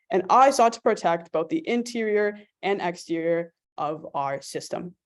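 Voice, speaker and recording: A woman's voice: on the low side, darkish tone. Woman presenting a student project. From California. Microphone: video call.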